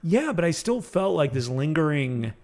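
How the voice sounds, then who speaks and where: Gravelly man telling a story. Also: on the high side, sing-song, darkish tone. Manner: reflective, halting with restarts. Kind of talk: casual conversation, personal storytelling.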